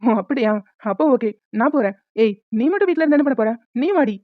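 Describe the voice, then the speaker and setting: A woman's voice: high-pitched, expressive, fast talker, dry recording. A woman voicing a playful young uncle in a cartoon who sings badly and jokes around with the family. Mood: teasing. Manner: teasing, joking. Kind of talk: cartoon voice acting. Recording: dull lo-fi recording.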